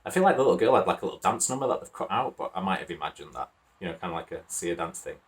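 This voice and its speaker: Low-voiced Yorkshire man chatting casually. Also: animated, racing, faint music behind. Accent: Wakefield, Yorkshire. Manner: rambling and chatty, chuckles often. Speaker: reaction video host. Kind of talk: casual reaction commentary.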